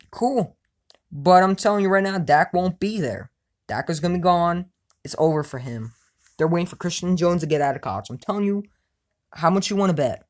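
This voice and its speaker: A woman with a slightly low voice rants as a sports fan vlogger answering her viewers. She is emphatic and blunt, with loud outbursts that drop to low mutters. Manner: emphatic, repeats "you know what I'm saying". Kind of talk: casual opinionated rant.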